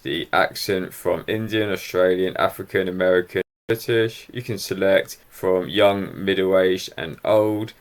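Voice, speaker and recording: Low-voiced man walking through software. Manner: upbeat, explanatory walk-through. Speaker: software reviewer. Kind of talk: screen-recorded software tutorial.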